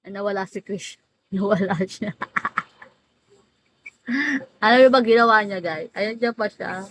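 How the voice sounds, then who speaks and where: Chatting casually on her livestream, a woman greets and teases viewers by name, stretching out the names and laughing a lot. She speaks at a measured pace in a medium pitch, over a rough recording with a little hiss or hum.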